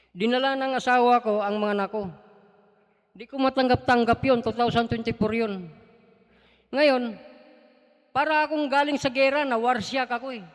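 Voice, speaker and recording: Middle-aged man, very high smooth voice, halting church testimony, big hall reverb. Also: a bit bright. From Philippines. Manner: halting, voice rising as he praises God. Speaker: church member giving testimony. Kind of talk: emotional personal testimony.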